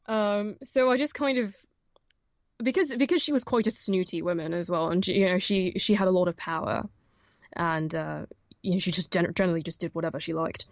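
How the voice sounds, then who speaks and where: A woman's voice: on the low side, brisk, no echo, clean studio sound. A young woman, an audiobook narrator, chatting casually as an interview guest, with many fillers and restarts. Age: young adult.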